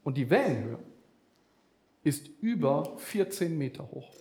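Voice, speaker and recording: Guy preaching, high voice, lots of vivid pictures, echoey church hall. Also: a little slow. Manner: animated, vivid comparisons, addresses listeners directly. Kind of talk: sermon.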